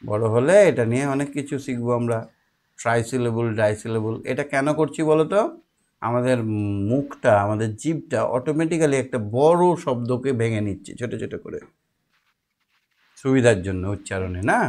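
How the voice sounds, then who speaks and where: A man teaching a young child their homework, asking questions patiently and explaining slowly. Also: mid-range voice, a little mellow.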